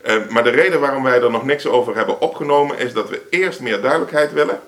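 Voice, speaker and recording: A man answering questions in a council meeting, explaining in a measured, slightly halting way. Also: mid-range voice, fairly bright tone. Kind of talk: formal meeting reply.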